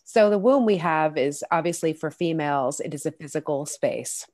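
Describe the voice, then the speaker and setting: A woman guest on a video call, nasal and congested from illness, talking slowly and reflectively about spiritual matters. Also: low voice, no echo, clean studio sound. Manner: slow, reflective, soft-spoken. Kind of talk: spiritual talk in an interview.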